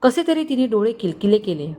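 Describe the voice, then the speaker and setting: A woman storyteller reading a scripted romantic suspense story with even delivery. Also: fairly high pitch, fairly quick.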